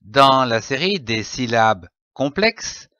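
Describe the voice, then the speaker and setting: A man leads a children's phonics lesson at a very slow, deliberate pace, spelling each letter before blending it into a syllable. His voice is bright and sharp, and it rises and falls in lively swoops. The sound is dry and close. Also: mid-range voice, no room sound, highs cut off. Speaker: reading teacher.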